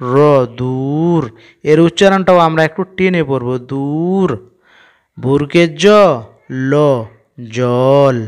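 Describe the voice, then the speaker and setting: A man's voice: on the high side, smooth. Patient man spelling words syllable by syllable. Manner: spells out each syllable, then reads the word slowly; patient, asks the listener questions. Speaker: teacher. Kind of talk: reading lesson for children.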